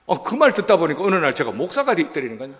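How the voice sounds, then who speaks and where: A middle-aged male pastor preaching a sermon in a church, folksy and animated, acting out quotes from his congregation. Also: fairly high pitch, racing. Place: church sanctuary. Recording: long church hall reverb.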